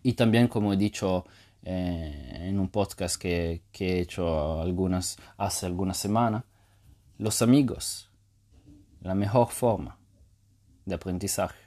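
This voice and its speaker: Low-voiced hesitant podcast man. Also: measured pace, dark tone. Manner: hesitant, many fillers and restarts. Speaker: podcast host. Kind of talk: casual solo podcast talk.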